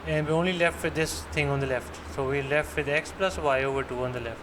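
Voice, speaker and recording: A man with a Pakistani accent tutors maths one to one in a fairly high-pitched voice. He is encouraging, working step by step and checking with questions. The online lesson audio has clear background noise. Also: fairly quick. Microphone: computer mic on online screen-share call.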